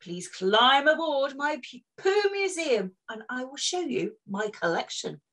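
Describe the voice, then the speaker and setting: A woman voicing a posh, boastful gentleman collector in a storybook reading. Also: high voice, sing-song, unhurried, exaggerated voice. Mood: showy. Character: posh, showy man collecting exotic droppings.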